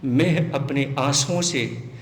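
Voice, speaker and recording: A man's voice: mid-range voice, slow pace, a little hiss or hum, pitched below the performer's own voice. A man voicing a devoted young queen who pleads tearfully with her husband. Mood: pleading. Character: grieving devoted queen Tara, adult woman. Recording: echoey hall with long reverb.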